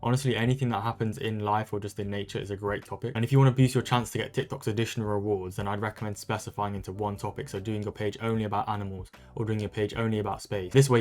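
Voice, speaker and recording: A man talking fast and upbeat as he walks viewers through a screen-recorded tutorial. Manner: rapid, upbeat sales-pitch delivery. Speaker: online content creator teaching social media growth.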